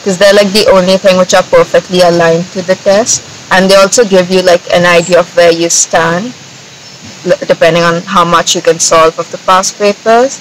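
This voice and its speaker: A woman's voice: lowish voice, fairly even intonation, moderate pace, poor audio. A young woman, an engineering student, hosting a casual interview outdoors and asking questions in a friendly, chatty way. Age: young adult. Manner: friendly, asks questions with frequent "like". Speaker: channel host, engineering student. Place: outdoors in a grassy field. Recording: outdoor noise in the background.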